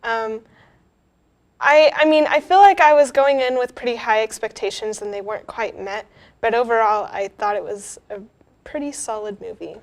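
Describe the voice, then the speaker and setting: A woman's voice: a little high, moderate pace. A young woman co-hosting a casual film review, easygoing and agreeable, laughing often and leaning on fillers. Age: young adult.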